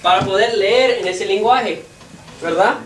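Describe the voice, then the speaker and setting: With music playing in the background, a teacher whose native language is English leads a bilingual lesson in a mid-range voice. The speech is halting while the teacher gropes for translations, and the echoey room, distant mic, and noise muddy the sound.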